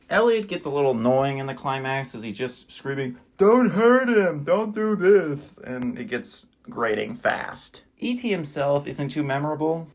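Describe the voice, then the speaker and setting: A man giving a casual, wry voice-over review of movies he watched, with dry asides. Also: mid-range voice.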